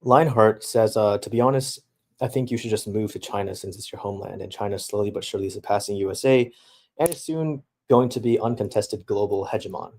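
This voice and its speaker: Soft-spoken young man reading chat. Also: fairly low pitch. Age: young adult. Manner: halting, self-reflective, reads chat messages aloud. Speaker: streamer answering chat. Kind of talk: casual chat.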